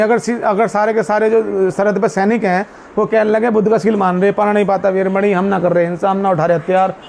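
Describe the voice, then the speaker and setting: A man speaking to a seated community meeting about Buddhist teachings, putting questions to his listeners and answering them himself, and chanting Pali verses slowly. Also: high voice, gravelly, a little mellow, slight background noise. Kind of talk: explanatory talk to a seated group.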